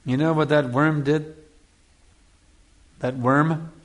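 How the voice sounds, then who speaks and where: A man with a fairly high voice speaks slowly and with fairly even intonation, giving a Hare Krishna style lecture on scripture. As a spiritual teacher delivering a discourse, he teaches didactically, repeats phrases for emphasis, and checks in with his listeners.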